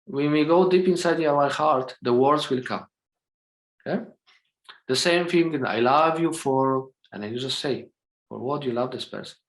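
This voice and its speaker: A man leading a calm guided meditation over a video call, speaking English with non-native phrasing and checking in gently with a soft "okay?". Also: mid-range voice, measured pace. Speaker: meditation teacher. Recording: roomy video call sound.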